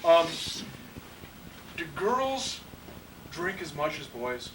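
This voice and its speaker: A man's voice: fairly high pitch, sing-song, extremely slow, exaggerated voice. A man playing an earnest, bumbling anchor in a spoof newscast, stammering through his questions. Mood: earnest, halting. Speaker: news anchor. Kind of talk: parody news anchor, amateur spoof newscast. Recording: distant mic, clear background noise, clicks.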